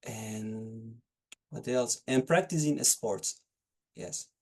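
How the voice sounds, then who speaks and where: A young Chilean-accented man, a test candidate, gives unscripted speaking-test answers over a video call. His medium-pitched voice is gravelly and a little mellow, and he talks very slowly, hesitating and often restarting phrases as he hunts for words.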